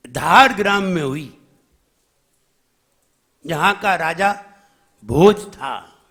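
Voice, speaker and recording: A man's voice: on the high side, creaky, sharp tone. A man, a Jain monk, preaching a sermon in a teacherly way, correcting pronunciation and asking rhetorical questions.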